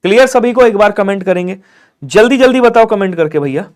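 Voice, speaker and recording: A man teaching a live online exam-prep class, urging viewers to comment quickly and answering in his students' voice. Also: high voice. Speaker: Hindi teacher.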